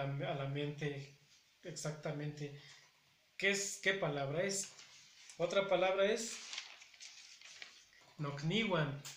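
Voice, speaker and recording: In an echoey room, a man from Puebla, Mexico teaches Nahuatl pronunciation straight to camera. His fairly high, fairly bright voice comes with a little hiss or hum, and he speaks slowly and patiently, saying words again and again as examples.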